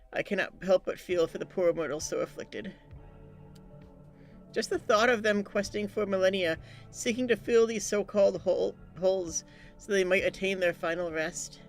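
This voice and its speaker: A man voicing a courteous, apologetic court librarian from a game, speaking in a formal, deferential and halting way. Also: high voice, creaky. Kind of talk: character voice reading game dialogue.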